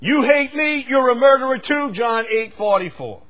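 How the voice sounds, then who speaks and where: An older American preacher with a very high, lively voice delivers his sermon at normal speed. He alternates loud, fervent stretches with quiet asides.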